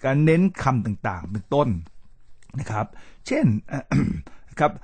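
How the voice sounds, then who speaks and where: A middle-aged man hosting a podcast about English, talking to listeners in a casual lecture style, animated and sliding in English words as he demonstrates how they are said. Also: mid-range voice, slow pace, breathy edge, no room sound. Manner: animated, mixes English words into his talk, demonstrates pronunciation. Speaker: podcast host teaching English.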